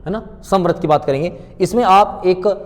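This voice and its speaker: A man teaching an exam-prep class, repeating sounds aloud and asking quick rhetorical questions. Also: high-pitched, in a large hall. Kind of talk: online exam-prep lecture.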